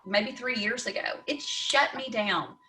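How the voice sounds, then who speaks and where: A woman hosting a casual conversation, telling stories in an animated way and laughing often. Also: on the high side, unhurried, roomy sound, recorded from a distance, low-quality recording. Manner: animated storytelling with frequent laughs. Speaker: podcast host.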